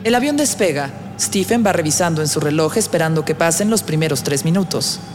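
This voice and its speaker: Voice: medium pitch, animated, fairly quick, a little hiss or hum. A narrator reading scripted, present-tense audio drama narration. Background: loud music, vehicle and outdoor sound effects.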